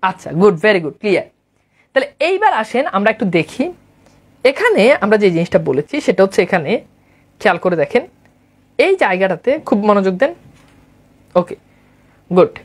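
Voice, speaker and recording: A woman's voice: mid-range voice, very animated, moderate pace, long pauses. A woman teaching a grammar lesson online, repeating points and quizzing her listeners. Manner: repetitive, drilling, quizzes listeners often.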